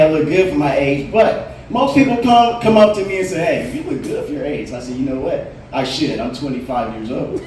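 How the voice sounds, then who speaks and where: On a bar stage, a man in his late forties tells casual stories with punchlines in a darkish voice on the high side. The roomy bar is captured from a distance, with slight background noise.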